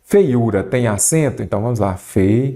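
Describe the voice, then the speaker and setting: A man teaches a grammar lesson for exam prep. His voice sits at a middling pitch with a soft, mellow tone. He keeps up a lively back-and-forth with himself, posing questions and drawing out key words. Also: unhurried. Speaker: Portuguese teacher.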